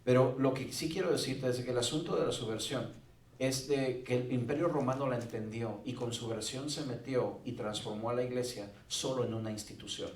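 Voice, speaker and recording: A man's voice: medium pitch, fairly quick, slight background noise. Man preaching in a roomy church. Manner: conversational preaching with joking asides. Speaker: pastor. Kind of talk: sermon. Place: church sanctuary. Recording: roomy church sound from a distant mic.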